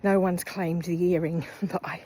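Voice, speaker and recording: A woman's voice: fairly low pitch, fairly even intonation, normal speed, warm tone, slight background noise. A middle-aged woman from the UK chatting as she walks uphill outdoors, slightly out of breath, thinking aloud and sometimes dropping to a half-whisper. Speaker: vlogger. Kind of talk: walking vlog chat. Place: outdoors, walking through town.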